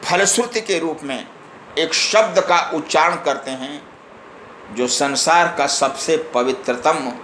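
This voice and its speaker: A man's voice: mid-range voice, fairly bright tone, echoey room, slight background noise, poor audio. A man giving a religious discourse, reciting verses and then explaining each one. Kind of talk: scripture discourse.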